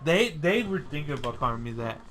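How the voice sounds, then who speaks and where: A young man co-hosting a casual podcast, relaxed and swearing freely, laughing as he tells work stories. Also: fairly high pitch, a little fast, slight background noise. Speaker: podcast co-host. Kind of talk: casual chat.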